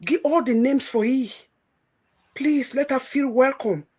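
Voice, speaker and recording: A middle-aged woman hosts the show and tells a family story in English with a Nigerian Pidgin accent. Her voice is husky and sits a little high. She acts out her own side of phone calls with motherly firmness. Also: a little slow, darkish tone. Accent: Nigerian Pidgin-tinged English. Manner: retells conversations in quoted speech, emphatic and motherly. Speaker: show host. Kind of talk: animated storytelling chat.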